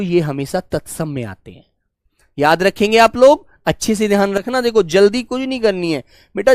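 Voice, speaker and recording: A man teaching a live online class, affectionate and repetitive, often slowing down to dictate notes to his students. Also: high voice, dry recording, clean studio sound. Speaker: Hindi teacher.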